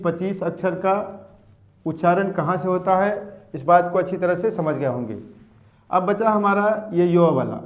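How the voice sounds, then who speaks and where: A male teacher giving a classroom grammar lesson, patiently repeating and drilling each point one by one. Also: high voice. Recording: dull lo-fi sound.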